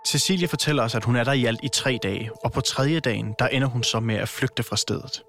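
A male host reads scripted documentary narration with calm, measured reporting. His voice sits at an average pitch for a man. Faint music plays under him.

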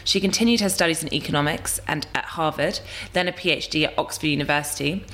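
A woman with a low voice hosts a podcast. She reads a scripted introduction of her guest, then moves into easy, conversational questions. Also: fast, fairly bright tone, a little hiss or hum. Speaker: podcast host.

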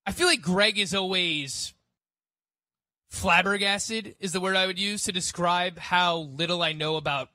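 A man's voice: high voice, measured pace, bright, forceful tone, no room sound. A man, co-hosting a casual podcast chat in a playful, self-mocking way. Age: 20s. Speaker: co-host.

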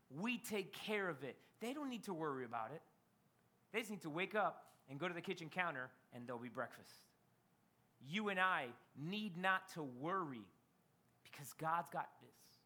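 A man's voice: on the high side, sharp tone. A middle-aged man, a pastor, preaching a sermon with dramatic storytelling and rising emphasis.

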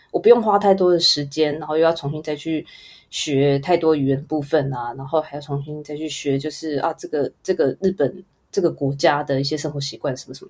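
Low-voiced Taiwanese woman, casual and rambling. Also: darkish tone. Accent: Taiwanese Mandarin. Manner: rambling, informal, trailing list phrases. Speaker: guest, advertising photographer. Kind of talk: casual interview answers.

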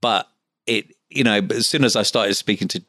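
A man's voice: lowish voice, brisk, sharp tone, no echo, studio quality. A middle-aged man from Essex with an Essex accent, talking casually as an interview guest in a chatty, stop-start way. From Essex, England. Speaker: interview guest, medical finance business owner.

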